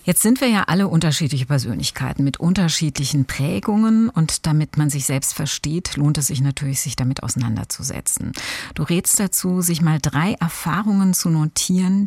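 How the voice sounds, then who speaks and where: Low-voiced woman interviewer, dry sound. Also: lively intonation, normal speed, creaky, a little mellow, husky, dry recording. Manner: attentive, asks probing questions. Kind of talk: interview conversation.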